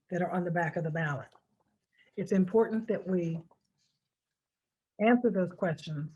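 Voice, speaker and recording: An American woman presents a voter instruction video, guiding people through a procedure step by step in a medium-pitched, darkish voice. Her public instruction is informal yet emphatic, stressing key words and repeating important points so they sink in.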